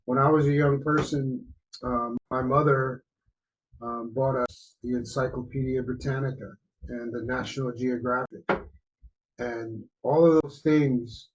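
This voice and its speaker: A man's voice: medium pitch, fairly even intonation, a little slow. A man co-hosting a podcast and talking earnestly about growth and authenticity, often checking in with "right?". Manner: earnest, explanatory, asks "right?" for agreement. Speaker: podcast co-host. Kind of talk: reflective talk on personal growth. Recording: slightly dull lo-fi sound.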